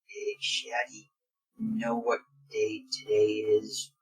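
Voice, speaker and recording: A reader puts on a sly female bat from fan fiction. The delivery is coy and teasing, husky and unhurried. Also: medium pitch, very animated, exaggerated voice, poor audio.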